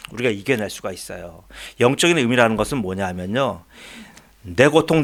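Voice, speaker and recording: A man's voice: medium pitch, a bit bright. A man, the pastor, preaching a sermon in a church, emphatic, with rising peaks and frequent short affirming asides. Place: church sanctuary.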